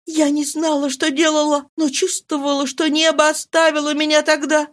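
A woman's voice: extremely high pitch, pitched above the performer's own voice. A woman reading a novel aloud, voicing a remorseful young wife who pleads tearfully with her husband in a heightened, imploring way.

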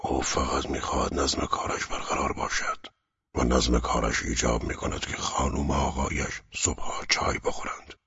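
A man voicing a weary, dying middle-aged judge, talking in a husky, pained, half-whispered mutter. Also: extremely low pitch, bright, forceful tone, no echo, full character voice. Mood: whispering, bitter. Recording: dull lo-fi recording.

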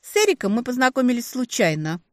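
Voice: mid-range voice, sing-song, quick pace, no room sound, clean studio sound, pitched above the performer's own voice, natural voice. A reader voicing a naive young woman, a lovestruck younger sister who gushes in baby talk. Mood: gushing. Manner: lisping baby-talk gush.

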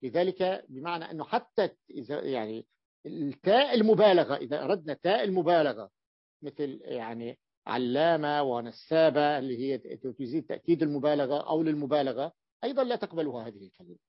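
Guy teaching grammar, kinda high voice, stops and repeats words a lot, dull dry recording. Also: lively intonation, dry recording. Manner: halting, repeats words while explaining. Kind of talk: classroom grammar lesson.

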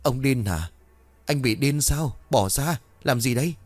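A man's voice: mid-range voice, expressive, measured pace, no room sound, voice pushed up. A man voicing a frightened young wife who scolds and pleads shrilly. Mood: alarmed.

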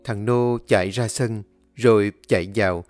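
A man narrating an audio story in a steady, measured reading. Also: lowish voice, no room sound, faint music behind.

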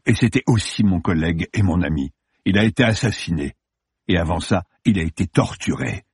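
A man reads a hard-pressing male police commander in an audiobook. His voice sits low and husky, cold and insistent. The sound is dry and close. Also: normal speed, dry recording. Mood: stern. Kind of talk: audiobook character voice.

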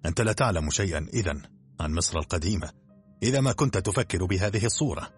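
Male reader as a mocking, dismissive young man; husky tone, soft music behind. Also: sits low, expressive, quick pace. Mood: scornful. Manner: scoffing, mocking. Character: scornful young male expedition member.

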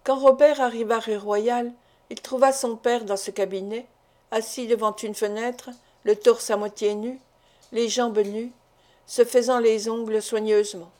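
Warm-voiced woman narrating an audiobook. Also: on the high side, steady tone. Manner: measured, literary reading. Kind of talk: scripted narration.

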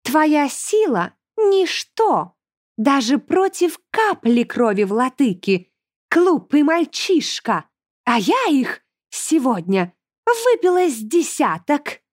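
A woman reading an audiobook, voicing a cruel, mocking female demon who gloats in slow, drawn-out taunts. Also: high-pitched, sing-song, dry recording, clean studio sound, pitched above the performer's own voice, full character voice. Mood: gloating taunt.

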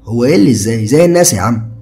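A man's voice: mid-range voice, expressive, racing, a little mellow, a little hiss or hum, voice pushed up, lightly acted. A man voicing a carefree young male friend who jokes and brushes off worry, in an Egyptian Arabic accent. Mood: teasing. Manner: easygoing, joking, brushes off worry.

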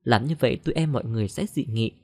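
A man voicing a hesitant, measured older village father. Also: mid-range voice, mellow, pitched below the performer's own voice, close to an everyday voice. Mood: cautious.

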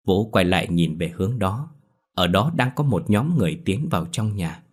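A man narrating a ghost story in a grave, steady storytelling voice. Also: fairly low pitch, husky.

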